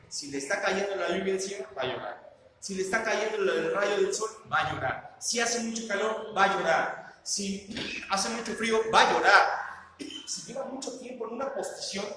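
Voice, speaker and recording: Mexican guy lecturing, high voice, keeps asking no? and si?, big echoey hall with noise. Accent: Mexican Spanish. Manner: rhetorical, seeks agreement with tag questions; acts out quoted parents. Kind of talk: lecture to an audience.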